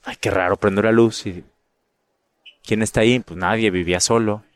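Chatty Mexican actor with a low voice. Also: male voice, normal speed, clear, resonant tone. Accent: northern Mexican. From Monterrey, Mexico. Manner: animated, repeats words while finding them. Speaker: actor and guest. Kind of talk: casual storytelling interview.

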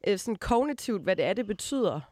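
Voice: medium pitch, sing-song, a little mellow, no echo, studio quality. An interviewer from West Jutland asking probing questions with some hesitation. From West Jutland, Denmark. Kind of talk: conversational interview.

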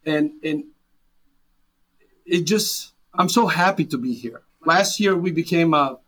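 A Serbian man in his forties speaks English with a Serbian accent as a guest in an interview. His voice sits a little high and moves a little slowly, with a fairly bright tone. He comes across as earnest, restarting often and leaning on fillers.

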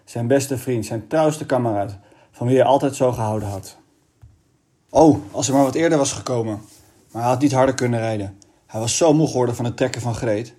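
A man reading a children's novel aloud, with steady, expressive storytelling. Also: medium pitch, a little fast. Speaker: audiobook reader.

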